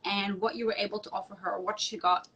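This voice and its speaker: A woman from Egypt hosting a casual podcast conversation, animated and chatty with frequent ums. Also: mid-range voice, fast, slight background noise. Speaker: host.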